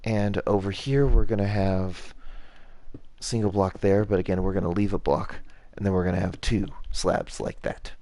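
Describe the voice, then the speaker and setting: A man's voice: low-pitched, moderate pace, vocal fry, warm tone, no room sound. A young man hosting his own channel, casually talking through a block-building game tutorial step by step and poking fun at himself. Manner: rambling, self-mocking, talks through each step. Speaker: channel host.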